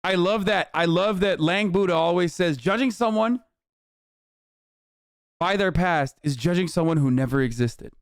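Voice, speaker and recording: A male streamer in his thirties rants sarcastically and heatedly, swearing freely. His voice sits high for a man and sounds smooth and resonant. The sound is dry and close. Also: lively intonation, normal speed, dry recording. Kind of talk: livestream reaction rant.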